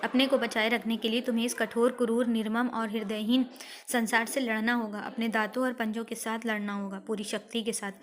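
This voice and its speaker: A woman reading the part of a stern middle-aged householder who scolds and lectures his governess, in a steady, even reading voice. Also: on the high side, a little fast, lightly acted.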